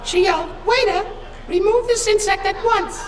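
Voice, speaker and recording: Very high squeaky wisecracking ventriloquist dummy. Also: male voice, moderate pace. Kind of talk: nightclub comedy act in a TV drama. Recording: roomy club, distant, crowd noise.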